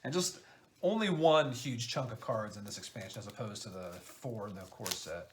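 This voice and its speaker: A game designer chatting excitedly through an unboxing, halting often with fillers. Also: male voice, lowish voice, noisy background. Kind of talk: casual unboxing chat.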